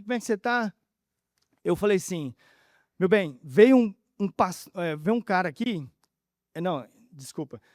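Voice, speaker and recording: A man's voice: high voice, darkish tone, no echo, clean studio sound. A man giving an emotional personal testimony talk at a conference, telling his story through many reported dialogues. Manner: emotional, halting. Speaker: conference speaker.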